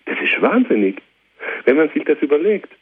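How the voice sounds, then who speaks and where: A man's voice: fairly high pitch, very animated, moderate pace, slightly rough. Man preaching over tinny radio. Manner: fervent, repetitive, direct appeals. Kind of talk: radio sermon. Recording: tinny phone-like radio with hiss.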